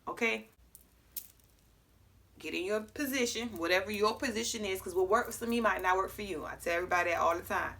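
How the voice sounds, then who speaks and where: A woman's voice: medium pitch, a little fast, vocal fry, a bit bright. A woman teaching breathing exercises in a casual, direct way, often checking in with viewers. She is a little congested and sounds slightly clogged. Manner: talks straight to viewers, checks in with frequent "okay?". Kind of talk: casual guided breathing lesson.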